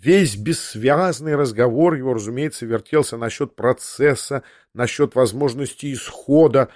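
A man narrating a classic novel in the first person, with a measured, literary reading. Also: medium pitch, darkish tone, no room sound, clean studio sound. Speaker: audiobook narrator.

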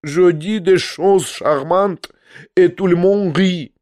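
A man reading an audiobook, voicing a frail, frightened old prince who pleads in a slow, trembling voice and slips into French. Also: high-pitched, darkish tone, dry recording, clean studio sound, pitched above the performer's own voice. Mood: tearful. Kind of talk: audiobook character voice.

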